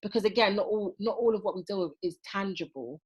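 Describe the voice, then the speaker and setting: A woman with a voice of middle pitch speaks as a guest on a podcast. She talks in an earnest way and weighs her views out loud, with the ease of a conversation. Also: quick pace. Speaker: podcast guest, diversity specialist.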